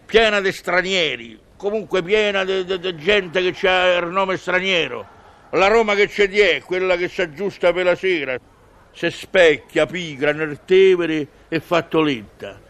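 Sitting high and with a fairly bright tone, this man's voice moves a little slowly. He's a Roman-accented comic monologist musing wryly through a humorous, conversational monologue in colloquial dialect.

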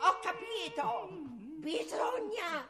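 A performer voicing a cruel masked robber who makes slow, mocking threats with sneering laughs. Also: extremely high pitch, lively intonation, a crowd in the background, exaggerated voice.

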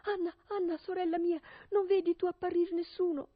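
A woman's voice: little pitch movement, a little fast, dry recording, muffled recording. A woman reading a radio storybook, voicing a terrified young wife who pleads and cries out for help. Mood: desperate pleading. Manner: pleading, high, tearful.

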